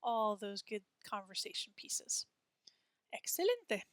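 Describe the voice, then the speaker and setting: A woman teaching a beginner Spanish class from a textbook, modeling words slowly and clearly for students to repeat. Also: mid-range voice, big pitch swings, dry recording. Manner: slow, exaggerated modeling of words for repetition. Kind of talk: classroom lesson reading from a textbook.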